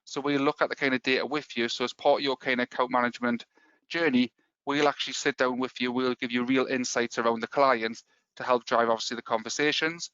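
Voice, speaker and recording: A man with a Geordie accent rattles through a software pitch at a rapid clip, full of "you know" and "obviously". His voice is smooth and clear, but the sound is dry and a bit dull. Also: steady tone, dry recording. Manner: fast, filler-heavy sales talk. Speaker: software company presenter. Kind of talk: webinar product pitch.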